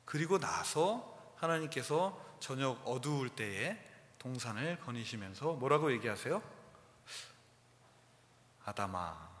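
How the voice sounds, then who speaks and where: A middle-aged man preaching a sermon as a pastor, animated, and acting out the quoted lines. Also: mid-range voice, normal speed. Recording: long hall reverb.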